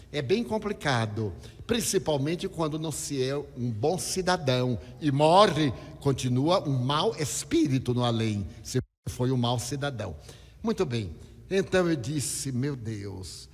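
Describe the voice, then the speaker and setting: A man gives a storytelling lecture as a spiritist speaker, acting out the voices of the people he quotes with big swings in pitch and loudness. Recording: reverberant hall.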